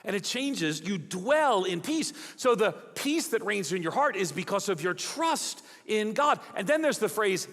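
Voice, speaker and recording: Man, preacher, sermon, lively swooping pitch, long hall reverb. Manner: animated, acts out quoted voices, drops to soft emphatic lines. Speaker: guest preacher. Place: large church auditorium.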